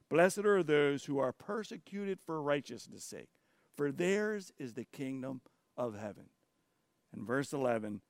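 Pastor, sermon voice, measured, dry close sound. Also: male voice, on the high side, no echo. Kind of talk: sermon and interview.

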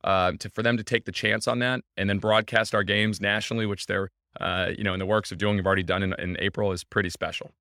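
A man's voice: fairly low pitch, level tone, fast talker, few pauses, sharp tone, dry recording, studio quality. A man being interviewed as a baseball team owner, telling his story with enthusiasm and emphasis. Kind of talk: energetic interview talk.

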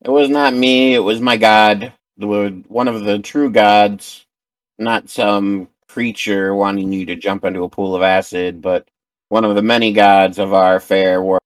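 Proud cleric woman, played by a man: low, solemn, preachy, close-dry but distant. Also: fairly even intonation, dry recording, close to an everyday voice. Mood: solemn, devout. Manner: measured, preachy.

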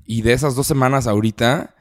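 A man's voice: medium pitch, steady tone, quick pace. A young man with a Mexican Spanish accent chats as host of a podcast, playful and full of slang. His voice sits in a middle register. He teases his co-host in a loose, casual way.

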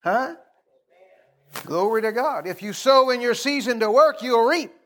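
A man's voice: very high-pitched, animated, unhurried, fairly bright tone. A middle-aged American man preaching an informal sermon as a pastor, in a folksy, conversational manner, repeating phrases and prompting his listeners to respond.

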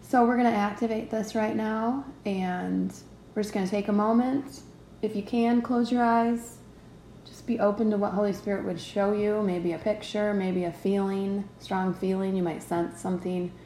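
A woman hosts a devotional teaching podcast in a relaxed, conversational way, often checking in with her listeners. Her voice is mellow and gravelly. It sits in a roomy space with faint ambience behind it. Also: medium pitch, moderate pace, a little hiss or hum. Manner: conversational, checks in with "right?" and "okay?". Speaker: podcast host teaching faith.

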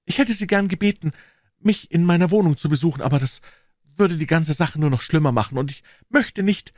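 A man's voice: on the high side, fairly quick, no room sound, clean studio sound, voice pushed up, close to an everyday voice. A man voicing an anxious, bitter older woman, a former nanny, in a storybook reading. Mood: nervous.

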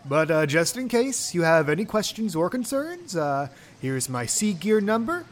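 A man's voice: high-pitched, big pitch swings, normal speed, slight background noise. A man voicing a breezy, reassuring woman professor in a tabletop game. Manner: casual, reassuring.

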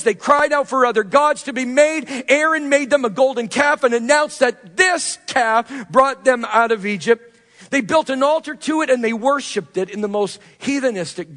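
A man preaching a sermon with a strikingly high-pitched voice. He swings between loud, emphatic lines and quiet, hushed asides. His voice rings out with a long reverb, as in a large hall. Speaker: pastor.

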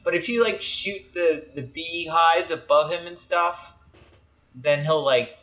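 A man's voice: a little high, unhurried, bright, forceful tone, reverberant, low-quality recording. A man co-hosting a casual game podcast, explaining tips in a chatty way. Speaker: podcast co-host.

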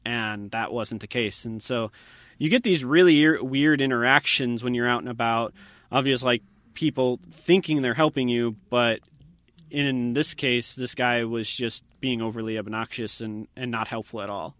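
A man chats through a personal story in an easy, unhurried way. His voice is bright and forward, sitting in the middle of the range. The sound is dry and close, with no room around it. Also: mid-range voice, no echo. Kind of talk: casual conversation, storytelling.

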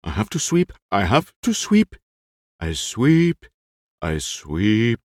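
Here is a fussy, vain old stage actor, voiced by a man in a one-man radio play, frantic about his props and his cue. His voice sits low but leaps into shrill, theatrical bursts. It is recorded close and dry, with no room sound. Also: wildly swooping pitch, takes it slowly, a little mellow, no echo, exaggerated voice. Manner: frantic, theatrical, high-pitched outbursts.

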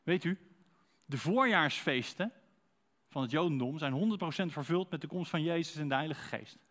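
Dutch man preaching a lively sermon. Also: fairly high pitch, normal speed. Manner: conversational, addresses congregation directly with rhetorical questions.

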